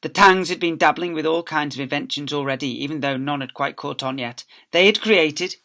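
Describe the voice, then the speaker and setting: A man, a teacher, reads a children's story aloud fairly quickly in a fairly high voice with a sharp tone. He performs it expressively, hitting words with theatrical stress while his phrases fall away at their close.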